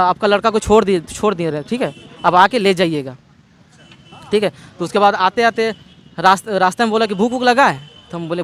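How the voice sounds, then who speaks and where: High-voiced young man, Jharkhand Hindi. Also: fairly bright tone. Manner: rambling retelling, quotes others' words, restarts. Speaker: interviewee recounting police custody. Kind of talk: emotional first-person testimony.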